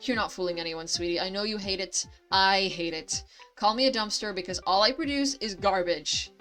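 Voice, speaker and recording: A woman's voice: mid-range voice, moderate pace, fairly bright tone, faint music behind, lightly acted. A woman voicing a brash, flamboyant teenage boy from a mobile story game, with sassy, boastful banter. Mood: glum.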